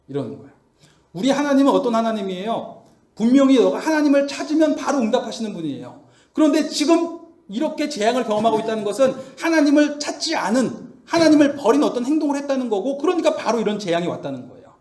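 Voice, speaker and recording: A male preacher retells a scripture story with animated rhetorical questions. His voice sits high for a man, and the room gives it a roomy echo. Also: fast. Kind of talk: storytelling sermon. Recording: echoey room.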